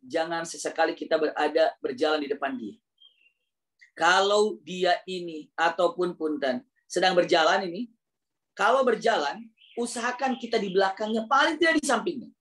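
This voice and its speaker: A male Islamic preacher, giving a slow, emphatic sermon that repeats phrases and acts out dialogue. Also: high-pitched, fairly bright tone. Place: mosque study gathering.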